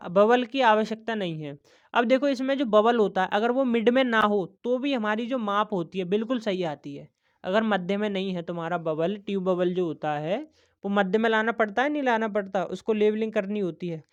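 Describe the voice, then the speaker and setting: A woman's voice: mid-range voice, smooth, lo-fi sound. Woman teacher repeating questions to students. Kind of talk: exam revision lesson.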